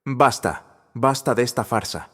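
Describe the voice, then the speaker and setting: A man voicing an arrogant man who is losing control, shouting desperate, shrill protests. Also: animated, measured pace. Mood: furious. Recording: long reverb.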